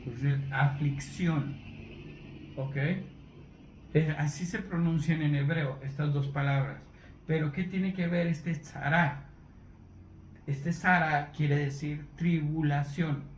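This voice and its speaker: Slow, roomy-sounding man teaching scripture. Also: fairly high pitch, fairly even intonation. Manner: unhurried, checks in with listeners, spells out words letter by letter. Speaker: Bible teacher. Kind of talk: Bible teaching. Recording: roomy echo, faint background noise.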